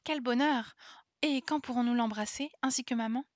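A woman's voice: fairly high pitch, normal speed, no echo, pitched above the performer's own voice, natural voice. A woman voicing a sweet, affectionate young girl in an audiobook, asking eager questions.

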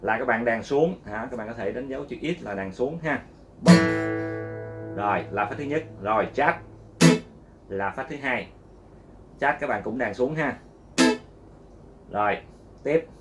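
Male guitar teacher, mid-pitch voice, patient and repetitive, guitar playing clearly underneath. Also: expressive, moderate pace, pauses often. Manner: patient, repetitive, counts strums aloud with sound words. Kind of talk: casual spoken guitar lesson.

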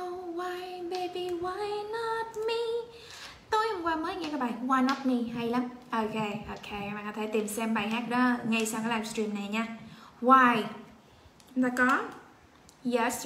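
A woman with a Vietnamese accent teaching English pronunciation on a livestream, repeating each letter slowly for her learners. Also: on the high side, sharp tone, echoey room. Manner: slow drilled letter-by-letter repetition.

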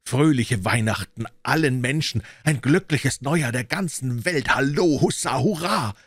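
A man reading a giddy old miser, husky low voice, shouting for joy, dry sound. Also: normal speed, dry recording. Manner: exclaiming, breathless and giddy. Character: old male miser, overjoyed and reformed.

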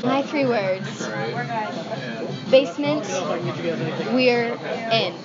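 A woman's voice: on the high side, muffled recording, over a noisy crowd. Playful young woman co-host. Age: young adult. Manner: playful, slow and thoughtful. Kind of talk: casual food review vlog. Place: indoor restaurant with wooden wall. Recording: loud background music.

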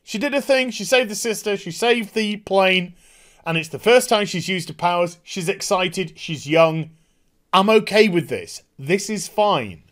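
A man's voice: sits high, a little slow. A man giving a casual, swear-filled review of a TV episode and acting out the scenes as he goes. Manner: animated, swears freely, acts out scenes in put-on voices. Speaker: TV show reviewer.

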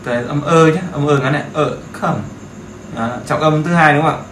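In a casual screen-share lesson, an English teacher chats with beginners in a slightly high voice at a normal speed, repeating phrases and checking that they follow. The room is echoey, with faint noise in the background.

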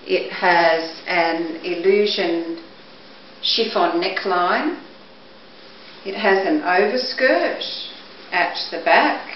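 A middle-aged woman presents auction items in a measured, descriptive way, her slightly low voice moving slowly. A camera mic a few steps away records her in a living or dining room at home, giving a roomy, dull, muffled sound with slight background noise.

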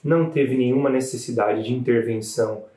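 A man, a new father, telling the story of his child's birth in a casual, animated way to camera. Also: mid-range voice, fairly quick, roomy sound. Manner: chatty, animated retelling with frequent "né" tags.

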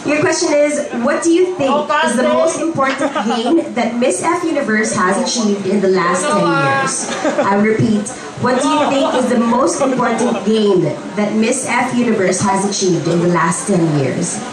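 A woman with a Filipino accent hosts a pageant on stage in a high voice. She is heard from out in the room through an echoey PA, with loud music and a cheering crowd around her. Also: normal speed, recorded from a distance. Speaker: pageant host. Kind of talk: live stage announcing. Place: indoor club stage before an audience. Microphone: handheld microphone through venue PA, recorded from audience.

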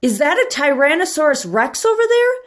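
Folksy adventurous woman guest, read aloud by a woman, lively, slow, higher voice. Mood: amused.

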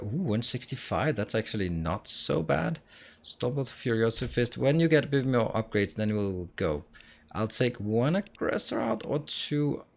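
A man's voice: on the low side, creaky. A man giving casual let's play commentary, thinking aloud and muttering as he plays. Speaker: gamer.

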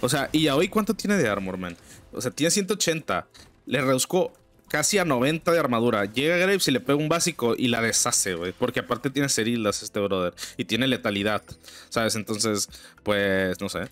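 A young man with a Mexican accent gives casual, slang-filled commentary over his own gameplay, breaking into sudden high exclamations and griping about teammates. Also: animated, normal speed, fairly bright tone. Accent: Mexican Spanish. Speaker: gaming streamer.

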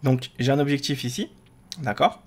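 A man's voice: mid-range voice, moderate pace, a little mellow. A man hosting a gaming video with casual, chatty commentary, often talking to himself.

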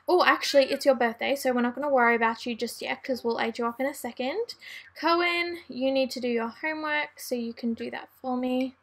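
A young woman giving chatty, excitable let's-play commentary while playing a life-simulation game, easily distracted. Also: high-pitched. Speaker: gaming channel host.

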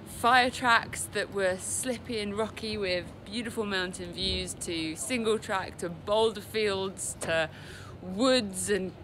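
A woman vlogging her outdoor motorbike riding, excitable and cheering, recorded on a camera mic outdoors. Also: mid-range voice, slow pace, few pauses, poor audio. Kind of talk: outdoor action vlog. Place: outdoors on mountain trails. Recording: loud engine noise outdoors. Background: motorbike engines.

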